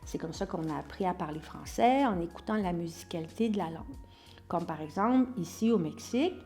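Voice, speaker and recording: A woman's voice: lowish voice, animated, a little fast, darkish tone, faint music behind. A woman with a Québécois French accent giving an online acting lesson, explaining and demonstrating word stress by example. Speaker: acting teacher.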